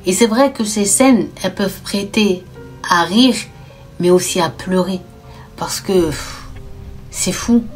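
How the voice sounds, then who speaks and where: A young woman narrating a horror storytime in a casual, animated way. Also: fairly low pitch. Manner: animated, drops to whispers at tense moments.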